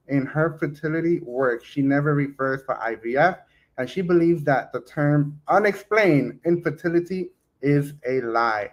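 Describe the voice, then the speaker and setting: A man's voice: mid-range voice, low-quality recording. A man from New Jersey hosting an interview, chatty and laughing often, with many fillers. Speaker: podcast host. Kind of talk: casual interview.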